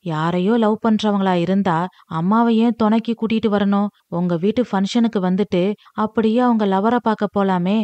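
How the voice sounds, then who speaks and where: A woman's voice: mid-range voice, normal speed, darkish tone, no room sound, muffled recording, close to an everyday voice. A woman reading a storybook, voicing a clever, observant young woman who explains things eagerly.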